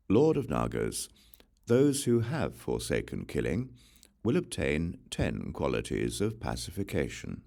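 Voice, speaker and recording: Scripture is read aloud for an audiobook by a man whose voice is strikingly deep and gravelly. He keeps the pace measured and the mood solemn, yet his pitch moves expressively across every phrase.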